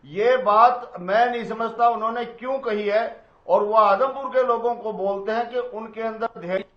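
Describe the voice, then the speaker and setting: A man's voice: sits high, steady tone. Guy from haryana arguing on a tv panel, lists points one by one, cave echo doubling everything, dull muffled audio. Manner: formal, deliberate, lists his points one by one. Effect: heavy cave-like echo and doubling on his remote audio line. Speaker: party panelist in a TV debate. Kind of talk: political panel debate. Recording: echoey, muffled remote audio feed.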